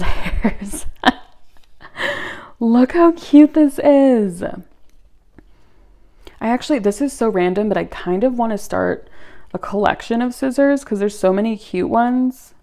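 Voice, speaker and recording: A woman hosting her own channel, chatting through an unboxing in a gushing, giggly, excitable way. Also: medium pitch. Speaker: channel host. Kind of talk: casual unboxing chat.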